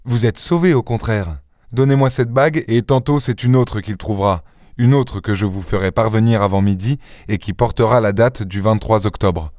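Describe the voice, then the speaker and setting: A man as a calm, commanding gentleman. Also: lowish voice, no echo, clean studio sound, close to an everyday voice. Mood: firm. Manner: firm, reassuring, measured. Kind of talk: audiobook character reading.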